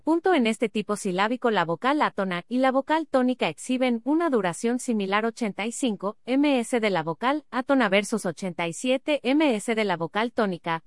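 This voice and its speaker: Female reader, slightly high voice, dry close sound, reads a dense academic paper literally. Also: no room sound. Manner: reads symbols, figure captions and abbreviations literally. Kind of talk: reading an academic paper aloud.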